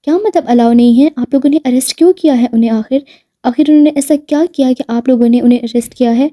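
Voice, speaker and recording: A woman's voice: high voice, mellow, no room sound, clean studio sound, natural voice. A woman voicing a loyal wife, playful with her husband and harsh with the police, in a storybook reading. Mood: angry. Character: loving loyal wife, sharp-tongued when angered.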